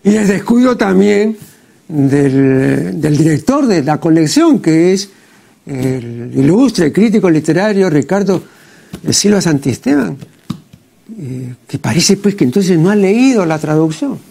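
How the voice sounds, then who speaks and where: A man with a high voice and a gravelly rasp delivers studio commentary for a TV program. He is deliberate and pedantic as he lists error after error. He keeps checking in with his listener through short questioning tags. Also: sing-song, dark tone. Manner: deliberate and pedantic, with frequent "¿no?" and "pues". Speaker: TV program host. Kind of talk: studio commentary critiquing a translation. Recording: TV program audio.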